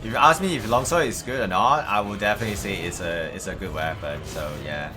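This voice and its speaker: A man's voice: fairly low pitch, quick pace. A man with a Malaysian accent chatting casually on a gaming livestream, hesitant and often repeating his words. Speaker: game streamer, host. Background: music.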